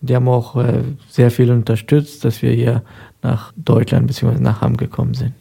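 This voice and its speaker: A man's voice: mid-range voice, monotone, brisk, creaky, mellow, slightly rough. A man in his thirties from Afghanistan, a guest on a local radio show, telling his story in a hesitant way with many fillers. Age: 30s. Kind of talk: casual interview talk.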